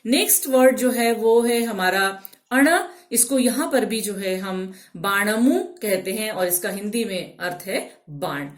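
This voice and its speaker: A woman's voice: medium pitch, measured pace, echoey room. A woman teaching a language lesson, explaining patiently step by step and correcting herself now and then.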